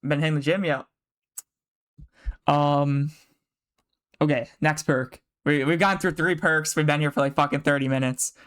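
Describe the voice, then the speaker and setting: A young man streaming from his bedroom, chatting casually and quickly, rambling with lots of fillers and swearing. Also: on the high side, steady tone, a bit bright, clear, resonant tone. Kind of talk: casual live-stream chat.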